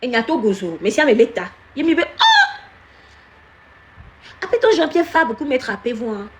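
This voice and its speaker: A woman's voice: a little high, expressive, fast. A woman giving casual live-stream commentary, slipping into Ewe and scolding viewers by name.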